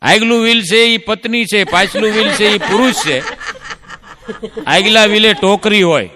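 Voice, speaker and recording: A man doing folk stand-up jokes, telling stories with drawn-out punchlines and asking the crowd "ha?". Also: high-pitched, big-room sound, noisy background. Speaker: stand-up comedian. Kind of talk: Gujarati folk stand-up jokes for a live audience.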